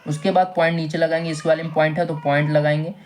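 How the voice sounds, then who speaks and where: A man's voice: a little high, little pitch movement, quick pace. A man teaching a maths lesson step by step, patiently repeating each step and asking his students questions. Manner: patient, repeats steps and asks the class questions.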